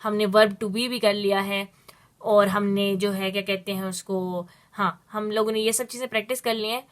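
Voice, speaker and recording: A woman teaching a Spanish lesson, explaining step by step and drawing out her Spanish examples slowly. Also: mid-range voice, fairly even intonation. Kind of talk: spoken language lesson.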